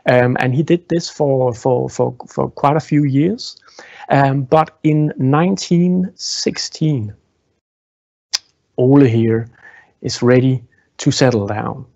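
Man in his thirties, live tour guide, halting and filler-heavy, a little gravelly, muffled lapel mic. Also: mid-range voice, a little mellow, no echo. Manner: halting, many fillers and restarts, gestures while talking. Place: indoor museum exhibition hall. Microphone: clip-on lapel mic. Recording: dull lo-fi sound.

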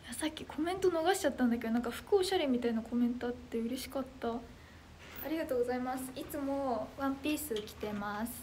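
Loud, bubbly young woman with a high voice. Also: fast, slight background noise. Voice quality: anime-like voice. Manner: loud, clear, carrying voice; bubbly, excitable reactions. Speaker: idol livestreamer reading viewer comments. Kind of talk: casual livestream chat.

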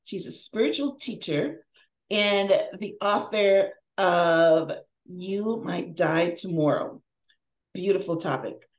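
Over a video call from her home, a middle-aged woman who coaches and hosts a podcast reads an emphatic, upbeat scripted introduction before the interview. She speaks slowly in a fairly low voice, and the audio is poor.

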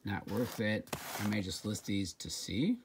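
A middle-aged man showing thrift finds speaks in a lowish, creaky voice with lively intonation at a measured pace. Seated at a table in a room at home, he gives casual, unscripted commentary with dry, wry muttered asides, recorded noisily with handling clicks.

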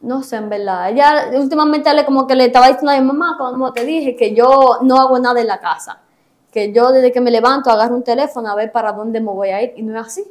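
A woman's voice: fairly high pitch, fast. A young woman, telling her story as an interview guest, hesitant and repeating herself.

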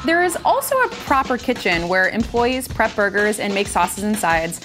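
A woman's voice: medium pitch, big pitch swings, moderate pace, fairly bright tone, faint music behind. A woman in her thirties hosting and narrating a tech explainer video in an upbeat, conversational way.

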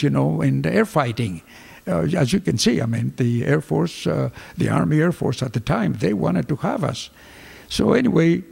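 An older veteran fighter pilot with a gravelly, rather high voice and a Greek accent recounts his war memories as a lively storyteller, acting out dialogue with hand gestures. He sits in an indoor office decorated with flags, with desk microphones in front of him, and the sound is that of a big room.

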